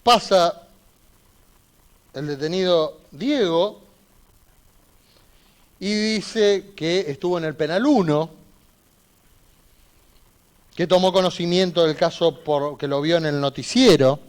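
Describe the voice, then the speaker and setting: A man's voice: a little high, slow, pauses often. A man, a defense lawyer giving an emphatic, argumentative closing argument in a courtroom, repeating points for emphasis.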